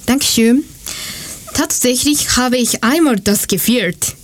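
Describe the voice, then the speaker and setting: A woman from Japan presents in careful German, speaking at a slow pace. Her voice sits a little high, and she reads deliberately from a script. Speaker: student presenter. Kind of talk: read-aloud presentation.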